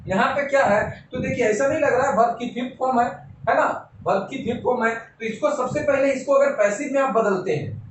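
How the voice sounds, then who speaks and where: A man teaching English grammar in a classroom-style lecture, repeating rules and checking whether students follow. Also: extremely high pitch. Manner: repetitive, checks understanding with rhetorical questions; slows down, dictating example sentences. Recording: very echoey room, mic at a distance, noisy.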